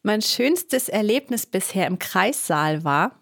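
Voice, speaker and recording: A woman leading a quick sentence game on a podcast, playful and upbeat. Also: medium pitch, expressive, vocal fry.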